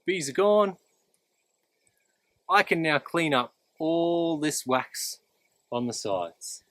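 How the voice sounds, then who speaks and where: Slightly high-voiced man giving practical instruction. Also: lively intonation, slow, a bit bright, no echo. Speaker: beekeeping instructor. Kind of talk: instructional demonstration, explaining step by step. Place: outdoors beside beehives.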